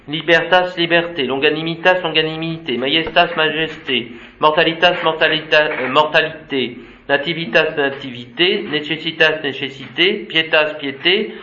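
A man's voice: on the high side, bright, forceful tone, a little hiss or hum. A man teaching a Latin class, reciting declensions methodically and adding short asides. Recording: dull, roomy classroom recording.

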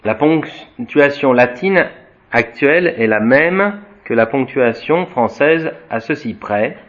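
A man's voice: medium pitch, expressive, fairly bright tone. Dull-sounding man teaching Latin aloud. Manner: slow explanatory, tags sentences with "hein" and "voyez", frequent restarts; spells out Latin words slowly, chanting declensions. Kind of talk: classroom lecture, reading from a textbook and commenting. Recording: dull lo-fi recording.

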